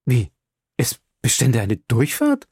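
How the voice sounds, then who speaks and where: A curious professor full of wonder, read by a man for an audiobook. His voice is dark and mellow, and the recording is dry and close with no room sound. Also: medium pitch, wildly swooping pitch, slow, husky, no room sound, heavily acted. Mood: astonished. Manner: wondering and questioning. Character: astonished male scholar, a curious professor. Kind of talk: audiobook role reading.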